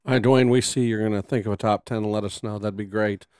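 A man's voice: fairly low pitch, fairly even intonation, quick pace, darkish tone, smooth, no echo, studio quality. A man helping run a podcast, laid-back and practical in casual chat.

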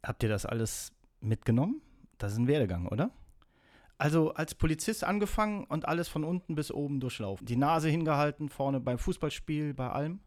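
A man's voice: a little high, lively intonation, a little fast, a little mellow. Chatty male podcast host. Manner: upbeat, chatty questioning. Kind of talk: casual interview.

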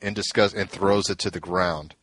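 A man with a fairly low voice talks loosely and casually, looping back with fillers and false starts as he tells a long story. The sound is dry and close, with no room around it. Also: fairly even intonation, normal speed, a bit bright, no room sound. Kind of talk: casual wrestling history chat.

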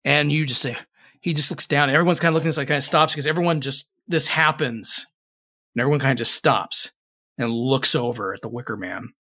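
A young man running a tabletop game as game master, narrating slowly and dramatically with playful asides. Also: mid-range voice, sharp tone.

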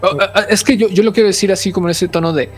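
A man's voice: sits high, fairly even intonation, rapid-fire, soft background music. Hesitant man reviewing a film. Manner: hesitant, many restarts and filler words. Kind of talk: casual film review chat.

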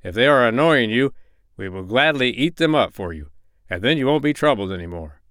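A man's voice: mid-range voice, animated, a little fast, fairly bright tone, no room sound, clean studio sound, close to an everyday voice. A man voicing an obliging, courteous shark in a children's story, speaking matter-of-factly. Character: male shark, obliging henchman eager to help.

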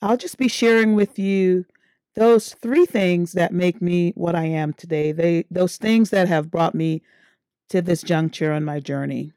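A middle-aged woman from Guyana, hosting a podcast and telling her own story in a measured, earnest way. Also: lowish voice, fairly even intonation, warm tone, clean tone, dry recording. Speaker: podcast host. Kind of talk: scripted personal monologue.

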